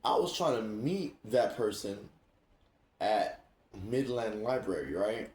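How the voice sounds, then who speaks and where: A man hosting a casual chat, telling stories in an animated way, laughing and acting out what others said. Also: lowish voice, slow pace. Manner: animated, laughing, acts out quoted speech. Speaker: streamer and host. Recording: roomy echo.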